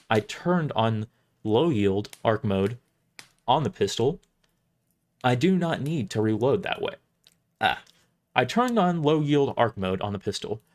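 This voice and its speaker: A man with a mid-range voice reads first-person dramatic narration for an audio drama. His delivery is somewhat halting, and he often restarts his lines.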